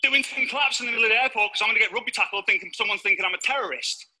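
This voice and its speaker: A man giving a high-energy, playful motivational talk on stage to a live audience. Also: rapid-fire, pushed and bright, a little hiss or hum, poor audio. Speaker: motivational speaker.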